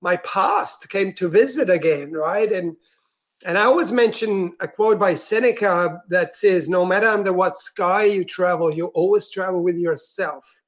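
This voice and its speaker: Soft-spoken and a little slow, a high-voiced man from Switzerland reflects earnestly on his personal story as an interview guest. The audio quality is dull and lo-fi.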